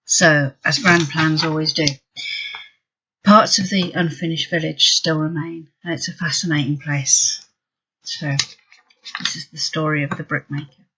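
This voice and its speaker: A poet reading a poem aloud with a flat, unhurried delivery. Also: medium pitch, breathy edge, muffled recording. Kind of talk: poetry reading.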